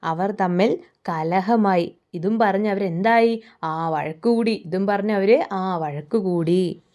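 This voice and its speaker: A woman's voice: medium pitch, slow, a little mellow. A young woman teacher explaining a workbook story to small children, asking questions and answering them herself.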